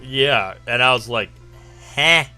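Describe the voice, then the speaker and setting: Brief: easygoing young co-host, bright tense voice, chatty. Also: male voice, medium pitch, animated, faint music behind. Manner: easygoing, quick to laugh. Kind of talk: casual chat while playing.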